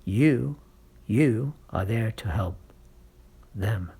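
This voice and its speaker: Low-pitched and animated, this male speaking coach stretches out his words in a mellow, slightly breathy voice. On his own channel he gives encouraging, experience-based public-speaking advice, regularly checking in with "right?" and "okay?"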